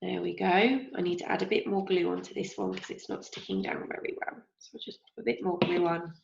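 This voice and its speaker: In a roomy, dull lo-fi recording from a home kitchen, a young primary school teacher slowly and encouragingly guides small children through a craft activity, questioning them as she works. She speaks in a steady, slightly croaky voice that sits on the low side.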